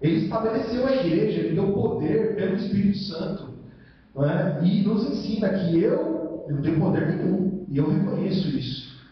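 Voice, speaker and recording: A man's voice: high voice, expressive, moderate pace. A man with a Brazilian accent preaching a church sermon in a conversational way, often tagging "né?" onto his sentences and asking rhetorical questions, then answering them himself. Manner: conversational, with constant "né?" tag questions. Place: church hall. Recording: echoey church hall, mic far off, dull sound.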